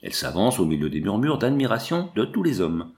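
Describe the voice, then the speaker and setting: A man reading a novel aloud in a measured, descriptive narration. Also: lowish voice, sing-song, a little mellow. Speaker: audiobook narrator.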